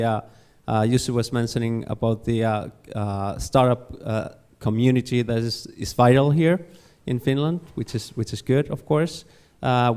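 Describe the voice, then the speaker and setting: Male audience member, gravelly voice, hesitant and halting. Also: medium pitch, a little mellow. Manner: hesitant, many fillers. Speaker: audience member asking a question. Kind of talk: audience question at a forum.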